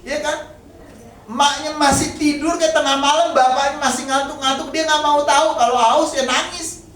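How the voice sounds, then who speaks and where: An extremely high-pitched, fairly bright male voice holds a steady tone at a moderate pace. The pastor gives a casual, humorous sermon in a church hall, often speaking to the congregation, recorded by a faraway mic amid heavy echo.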